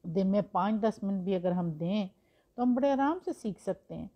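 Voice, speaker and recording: A woman's voice: medium pitch, animated, warm tone. A woman teaching Quran recitation in a patient, explanatory way, using examples and rhetorical questions. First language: Urdu. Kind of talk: explanatory religious lesson.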